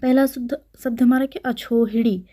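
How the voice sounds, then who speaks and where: A young woman with a fairly high voice teaches an exam-prep spelling lesson. She asks a question, answers it herself, and then stretches out each word slowly so it can be heard clearly. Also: fairly even intonation, mellow.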